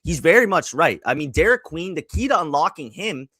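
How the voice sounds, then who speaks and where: A man's voice: on the high side, very animated, a little fast, sharp tone, husky, dry recording. A man from Canada, a sports writer and podcast host, talking basketball in a casual chat, restarting his sentences often.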